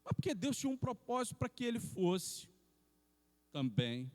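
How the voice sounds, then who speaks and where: Animated preacher in a reverberant church. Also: male voice, very high-pitched, normal speed. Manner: animated storytelling, acting out scenes. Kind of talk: sermon. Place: church hall. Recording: long reverb in a church hall.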